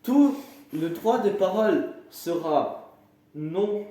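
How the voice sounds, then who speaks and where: A man's voice: high-pitched, expressive, slow, warm tone. A man playing a blustering sailor running for office, hesitant and full of fillers, in an amateur comedy sketch. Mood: bossy. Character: Martin the sailor, a blustering male fascist candidate. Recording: very echoey room.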